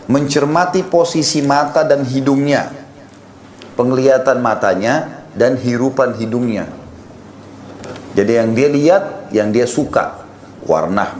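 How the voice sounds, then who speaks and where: Man, preacher, calm explaining sermon, echoey room, faint background hum. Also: mid-range voice. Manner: calm, explaining, acts out short dialogues.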